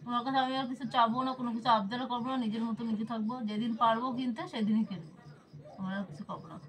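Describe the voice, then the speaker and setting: A woman's voice: fairly high pitch, racing. A woman, scolding her husband in a staged argument for a prank video. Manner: scolding, repetitive, insistent. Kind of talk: staged argument, then casual talk to viewers. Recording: voice from some distance, hidden camera.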